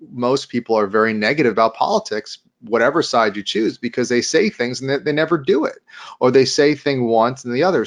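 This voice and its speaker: A man co-hosting a casual talk show, chatting loosely and acting out quoted lines as he tells stories. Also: mid-range voice. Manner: chatty, retells scenes with acted-out quotes. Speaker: podcast co-host. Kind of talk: casual conversation.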